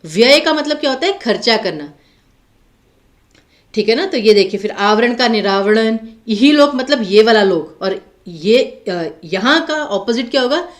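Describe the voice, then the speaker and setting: A woman's voice: on the high side, animated, unhurried. A woman teacher giving an online grammar lecture for exam preparation, patiently explaining and asking the students rhetorical questions.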